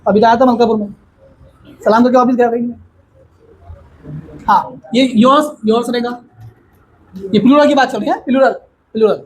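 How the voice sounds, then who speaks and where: High-voiced man teaching a class. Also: a little hiss or hum, rough recording. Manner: explains slowly with repeated questions to students. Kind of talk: classroom grammar lesson.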